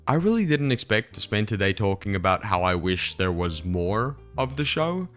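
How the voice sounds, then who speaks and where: Low-voiced man giving casual review commentary. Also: big pitch swings, normal speed, fairly bright tone, soft background music. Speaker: video commentary host.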